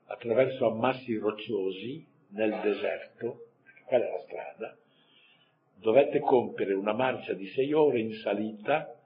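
Man teaching catechism, dull recording. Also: fairly low pitch. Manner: conversational, with rhetorical asides and chuckles. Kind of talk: catechesis talk.

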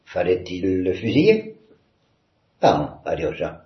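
A man's voice: deep voice, huge pitch swings, unhurried, heavily acted. A man reading a novel aloud, voicing a bitter, tormented young man who swings from wry irony to anguished outbursts. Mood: grim, bitter. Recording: roomy, slightly dull.

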